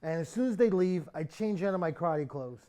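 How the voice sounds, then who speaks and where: A man's voice: high-pitched, lively intonation, fairly quick, warm tone. A young man playing a cowardly, irresponsible slacker in a naturalistic comic drama, whiny and pleading as he babbles. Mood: nervous babbling.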